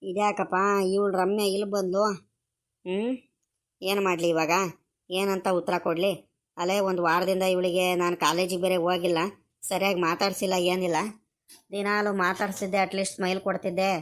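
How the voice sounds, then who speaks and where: A woman voicing a poor, dutiful young male farm boy in a village cartoon, explaining things softly and pleadingly in a rural Karnataka Kannada accent. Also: lowish voice, flat delivery, moderate pace, lightly acted. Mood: worried. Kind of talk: animated cartoon voice acting.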